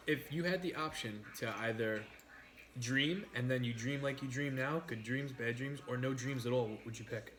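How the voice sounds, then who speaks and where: A man's voice: mid-range voice, normal speed, fairly bright tone, a little hiss or hum. A man hosting a casual livestream over a meal, talking in a frank, sweary way. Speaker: livestream host.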